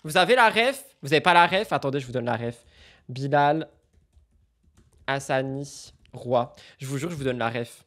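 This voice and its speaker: A young man chatting on a live stream, rambling through news and viewer comments. He swings between sudden loud outbursts and low, mumbled asides, with a middling pitch. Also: animated, normal speed. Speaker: streamer reacting to celebrity news. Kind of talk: casual live-stream chat.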